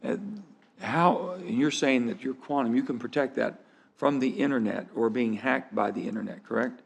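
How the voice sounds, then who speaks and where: A man's voice: medium pitch, moderate pace, creaky, husky. A man questioning a witness as a senator in a hearing room, rambling and hesitant, with many fillers as he builds up his question.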